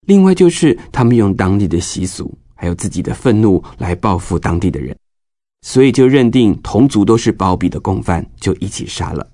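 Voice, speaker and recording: Casting: male children's storyteller, lowish voice, explanatory Bible narration for young listeners, dry close sound. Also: sing-song, brisk, warm tone, dry recording.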